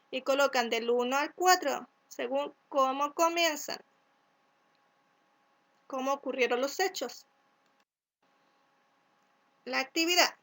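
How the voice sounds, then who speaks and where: A woman from Chile gives a recorded lesson to first graders. Her voice sits high, and she talks at an unhurried pace. She sounds out each letter and syllable carefully and keeps checking that the children follow. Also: fairly bright tone. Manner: asks "¿cierto?" to check along. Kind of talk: recorded remote class instructions.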